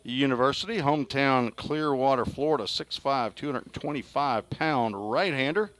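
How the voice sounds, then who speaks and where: A man's voice: mid-range voice, normal speed, fairly bright tone. Chatty man in a press box. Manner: chatty, folksy, reads player stats. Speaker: color commentator. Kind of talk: baseball radio commentary.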